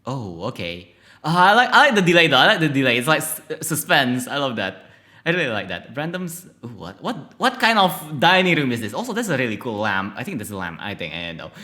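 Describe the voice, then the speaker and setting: Casting: male game streamer, lively pitch, bright tone, stumbles and swears while reading. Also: a little fast. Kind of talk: playing and reading a text horror game aloud.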